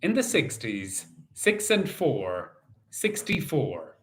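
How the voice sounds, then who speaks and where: Slow, sing-song male bingo caller. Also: medium pitch, wildly swooping pitch, a bit bright. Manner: measured, sing-song repetition of each number. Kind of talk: bingo calling, numbers chanted in set phrases.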